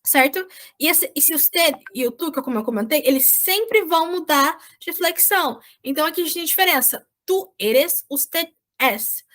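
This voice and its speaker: Over a video call, a Brazilian volunteer teacher leads an online Spanish class, patiently explaining and frequently asking her students "certo?" Her voice sits high and is expressive and fairly bright, at a moderate pace, carrying a Brazilian Portuguese accent.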